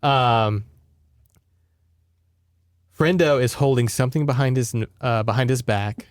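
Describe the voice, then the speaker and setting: A podcast host retells a book in a casual, conversational chat, checking in with his listeners as he goes. His medium-pitched voice keeps a measured pace, and the studio-quality recording has no echo.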